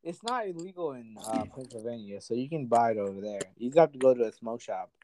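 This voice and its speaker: A twenty-one-year-old man, clearly drunk, in loose casual chat. He laughs a lot, swears freely and rambles through his points at a medium pitch. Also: expressive, fairly quick, warm tone, poor audio. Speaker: podcast host.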